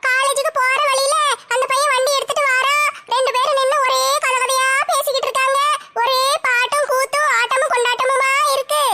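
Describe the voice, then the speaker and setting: Shrill, bright, flat-toned gossip with one eye, spiteful and meddling, in a comedy skit. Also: female voice, fairly quick, few pauses. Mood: gossipy. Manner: accusing, taunting village gossip.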